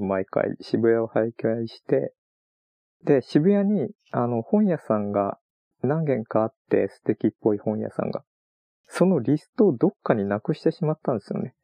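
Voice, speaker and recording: A man chatting on his own about books he read on a trip, rambling and relaxed with many fillers. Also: mid-range voice, dry recording, highs cut off. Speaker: podcast host. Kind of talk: casual solo talk about books.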